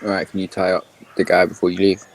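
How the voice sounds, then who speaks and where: Guy playing d&d over voice chat, lowish voice, lots of ums. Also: level tone, fast talker, creaky. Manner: casual, thinking aloud with fillers. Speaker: player. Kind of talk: playing a tabletop game.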